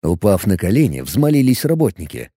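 A man narrating a novel in a measured, expressive reading. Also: on the low side, slightly rough, dry recording, clean studio sound. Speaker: audiobook narrator. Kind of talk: scripted narration.

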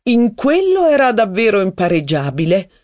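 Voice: mid-range voice, huge pitch swings, normal speed, a little mellow, dry recording, clean studio sound, voice pushed up. An audiobook reader voicing a haughty, witty aristocratic duchess, with mocking, theatrical, exclamatory speech. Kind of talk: audiobook reading.

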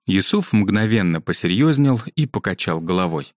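A man narrating a children's book aloud in an expressive way, giving each character a voice. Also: deep voice, normal speed, no room sound, studio quality. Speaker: audiobook narrator.

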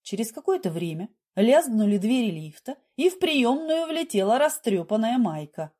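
A woman reads a story aloud as an audiobook narrator, with a slightly high voice. Her delivery is expressive and steady between the dialogue. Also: normal speed. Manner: expressive reading.

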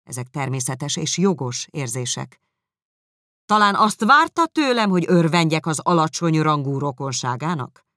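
An audiobook narrator voicing a proud young gentleman, cool, haughty and measured. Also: mid-range voice, no echo, studio quality, natural voice. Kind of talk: audiobook character reading.

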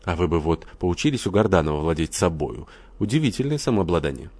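A man's voice: low-pitched, very animated, darkish tone, dry recording. A man reading a composed, shrewd general's wife who questions people carefully. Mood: probing. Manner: measured, probing.

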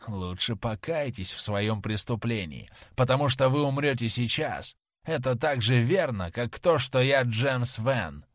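A man reading a vengeful young sailor in an audiobook, speaking slowly and heavily. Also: medium pitch, animated, dry recording, clean studio sound, close to an everyday voice. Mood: menacing. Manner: slow, heavy and menacing. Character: vengeful rough young sailor, grim and threatening.

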